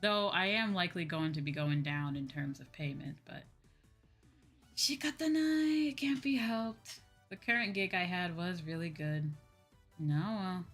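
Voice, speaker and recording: Expressive and a little slow, this fairly low, fairly bright voice comes from a Midwestern American woman streaming as a VTuber. Background music accompanies her casual, informal replies to viewer comments, where she repeats phrases for emphasis.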